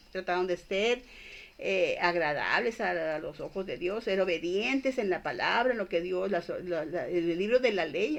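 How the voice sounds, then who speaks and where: An older woman telling a Bible story for children, halting and repeating words as she goes. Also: medium pitch, creaky.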